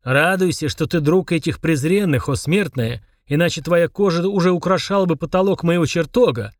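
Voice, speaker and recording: A man's voice: fairly high pitch, no room sound, studio quality, pitched above the performer's own voice, close to an everyday voice. Man voicing a tiny sneering demon. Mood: menacing. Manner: disdainful, slow and clipped. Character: tiny haughty scornful male demon.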